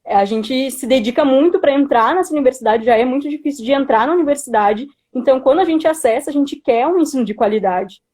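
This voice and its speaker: A woman's voice: high-pitched, expressive, quick pace, hardly any pauses, a little mellow. A young Brazilian woman giving informal political commentary as a student activist, speaking earnestly and hesitantly with frequent tag questions. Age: young adult.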